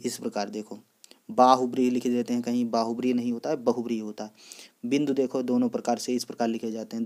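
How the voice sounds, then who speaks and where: Man teaching a brisk spelling drill. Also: mid-range voice. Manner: steady, instructive, repeats drill phrases. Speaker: exam-prep teacher. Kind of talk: spelling lesson for exam prep.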